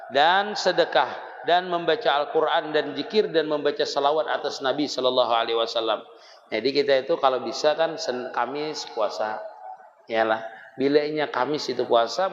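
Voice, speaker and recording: A man's voice: medium pitch, slight background noise. A man with a Banjar Malay accent gives a casual religious lesson, explaining in a folksy, conversational way with frequent chuckles. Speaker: religious teacher. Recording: dull lo-fi recording in a reverberant hall.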